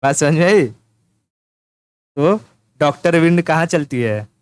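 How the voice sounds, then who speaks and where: A man gives an informal exam-prep lesson, pitched a little higher than most and sounding clear and resonant. He teases the listener and repeats key terms over and over. The recording is close and dry, with no room sound. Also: lively intonation, measured pace, no room sound. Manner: teasing, repetitive, addresses listener as "tu". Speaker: teacher.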